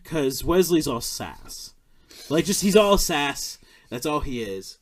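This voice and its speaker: A man's voice: a little high, big pitch swings, slow. A man hosting a podcast, chatting casually about a film, rambling with lots of fillers, restarts and swearing. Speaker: podcast host.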